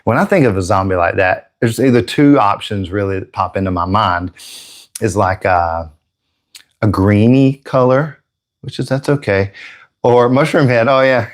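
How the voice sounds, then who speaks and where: A man's voice: on the low side, moderate pace. Joking, chatty man hosting a live stream. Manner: joking, rambling, chatty with viewers. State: slightly out of breath. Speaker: airbrush artist hosting a live painting stream. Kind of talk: casual live-stream chat.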